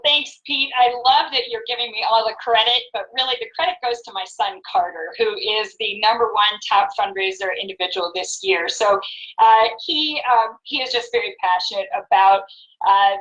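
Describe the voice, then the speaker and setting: A woman's voice: medium pitch, moderate pace, fairly bright tone, lo-fi sound. A mother and volunteer fundraiser explaining her approach in an earnest, organized way. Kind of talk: live stream chat.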